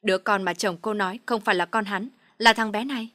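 A woman's voice: medium pitch, steady tone, a little fast, bright, forceful tone, dry recording, studio quality, natural voice. A woman voicing a cold, domineering young wealthy man who speaks in curt commands.

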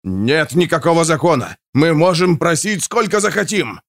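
A man doing a defiant shouting stall owner. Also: mid-range voice, animated, moderate pace, no room sound, clean studio sound, lightly acted. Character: stubborn angry male cracker stall owner.

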